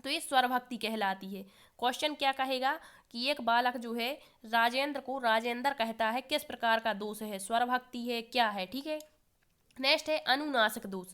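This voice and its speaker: A woman with a fairly high, smooth and clear voice teaches an exam-prep lesson. She keeps putting questions to the learners and answers each one herself a moment later. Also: moderate pace, a bit bright. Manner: asks the class questions and answers them herself.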